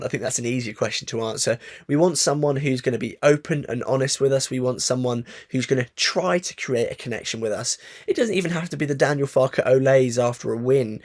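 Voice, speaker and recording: A man hosting a football fan podcast, giving frustrated, opinionated commentary with frequent ums and restarts. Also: medium pitch. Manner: frustrated, animated ranting with filler ums.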